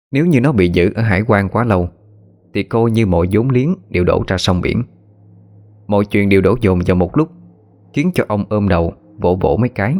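A man narrating a horror story in a steady, measured way. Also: deep voice. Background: faint background music.

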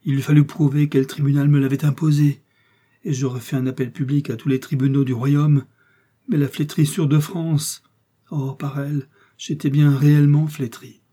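Cunning seductive noblewoman as a man reads her, theatrical, mellow tone, husky. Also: medium pitch, steady tone, normal speed, natural voice. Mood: indignant. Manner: theatrical, impassioned declaiming. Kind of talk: audiobook character reading.

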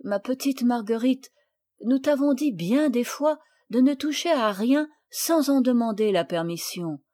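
Femme lisant une fillette douce et raisonnable. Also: female voice, on the high side, animated, unhurried. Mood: gentle, reproachful. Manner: gentle, gravely reproachful. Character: kind, sensible older sister girl.

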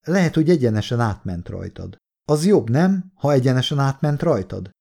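Man as a worried young man, quiet, mellow dark voice, audiobook. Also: medium pitch, sing-song, creaky.

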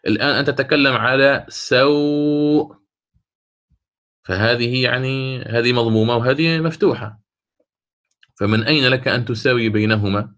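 Man, North African Arabic accent, recitation teacher, mid-pitched voice, slows down for recited examples. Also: steady tone, fairly bright tone. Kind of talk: explanatory lesson with recited examples.

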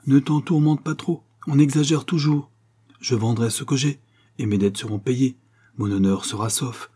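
A man's voice: medium pitch, normal speed, mellow, husky, pitched above the performer's own voice, close to an everyday voice. A man playing a troubled middle-aged painter father, talking lightly and reassuringly over his strain.

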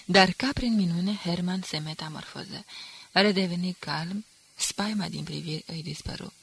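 A woman reading a novel aloud as an audiobook narrator, in a measured, even way. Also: on the low side, vocal fry, husky, no echo. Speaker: audiobook reader.

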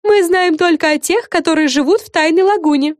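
A woman's voice: extremely high pitch, brisk, no echo, studio quality, pitched above the performer's own voice. A woman playing a bossy fairy girl. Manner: bossy, emphatic exclamations. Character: bossy excitable fairy girl show host.

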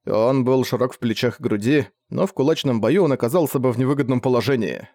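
A man reading a novel aloud as narrator, at a steady, measured pace. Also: medium pitch, no room sound, studio quality. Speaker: audiobook narrator. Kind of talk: audiobook narration.

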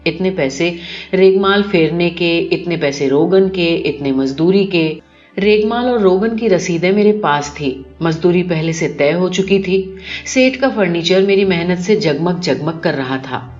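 In a first-person audiobook reading of a literary short story, a woman speaks with a fairly low pitch and a somewhat dark tone. Clear music plays in the background of the muffled, lo-fi recording.

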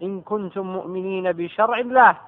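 Higher-pitched male reader reciting a scholarly text carefully for his teacher, on a thin lo-fi recording. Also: quick pace. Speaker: student reading a text aloud to a teacher. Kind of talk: formal reading aloud of a scholarly text. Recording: tinny phone-like lo-fi recording.

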